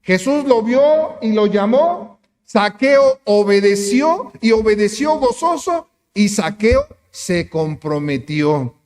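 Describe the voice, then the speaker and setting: A man's voice: high voice, expressive, takes it slowly, darkish tone, in a large hall. A man preaching a sermon as pastor, emphatic, asking the congregation rhetorical questions. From Mexico. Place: church sanctuary.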